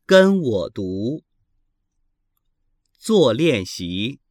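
Slow, deliberate man reading drills. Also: mid-range voice, big pitch swings, a little mellow, dry recording, studio quality. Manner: carefully enunciated, each syllable held apart. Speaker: language teacher reading drills.

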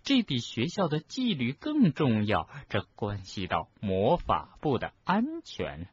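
A man voicing a cruel middle-aged witch official in an audiobook, speaking slowly, softly and with menace in a husky voice. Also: medium pitch, wildly swooping pitch, no echo, lo-fi sound, pitched above the performer's own voice, exaggerated voice. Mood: cold resolve. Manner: slow, soft and menacing. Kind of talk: audiobook character reading.

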